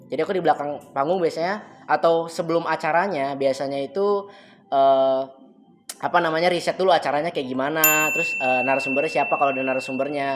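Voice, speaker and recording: A man's voice: fairly high pitch, steady tone, fast. A young man speaking as a guest and event MC, casually giving advice in colloquial language and acting out bits of dialogue. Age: young adult. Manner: colloquial, chatty, acts out quoted dialogue.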